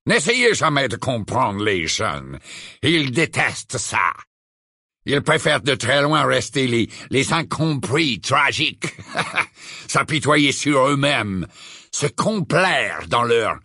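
A sly, mocking old wizard of a portrait drawls his words , as a man puts him on. The voice is husky and swoops up and down with relish. The sound is close and dry. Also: medium pitch, sing-song, slow, pushed and bright, no echo, full character voice. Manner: drawling, teasing, with a snicker. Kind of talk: audiobook character voice.

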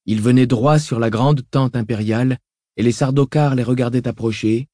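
A man narrating an audiobook in a measured, dramatic reading style. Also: mid-range voice, fairly even intonation, mellow, no room sound, clean studio sound.

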